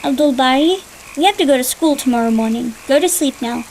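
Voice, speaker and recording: A woman's voice: high voice, animated, fairly quick, slight background noise, low-quality recording. Knowing big sister in a cartoon, voiced by a woman. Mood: explaining. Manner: explaining, gently teaching, a little impatient. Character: patient knowing older sister, explains things. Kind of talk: dubbed cartoon dialogue.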